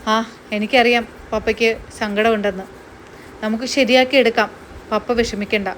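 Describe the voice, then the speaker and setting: An earnest young daughter, as a woman reads her, pleading steadily and firmly. The voice is fairly high, with a faint hiss in the background. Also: fairly even intonation, moderate pace, fairly bright tone, natural voice.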